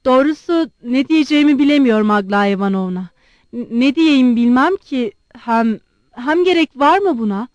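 A woman reading aloud and voicing a shy young prince who speaks haltingly and stammers. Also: sits high, animated, darkish tone, no room sound, muffled recording. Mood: hesitant. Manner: hesitant, halting.

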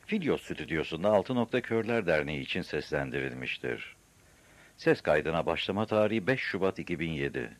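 A man narrating an audiobook in a recording studio, lively storytelling. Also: extremely low pitch, fairly quick. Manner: lively storytelling, voices the characters. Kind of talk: scripted narration.

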